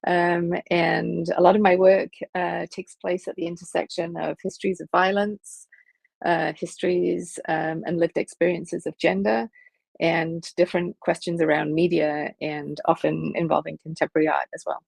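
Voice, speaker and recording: Gravelly, husky middle-aged Liverpool woman. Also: lowish voice, little pitch movement, darkish tone, dry recording. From England. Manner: thoughtful, pauses with many ums. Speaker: professor, guest. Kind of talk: conversational interview.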